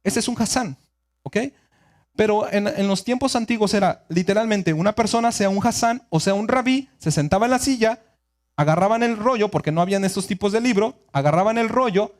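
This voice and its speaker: A man teaches scripture in a relaxed sermon style. He explains things several ways over and checks in with his listeners often. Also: sits high, a little fast. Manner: asks the audience frequent check-in questions; explains in a conversational, repetitive way. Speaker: teacher of a Torah study group.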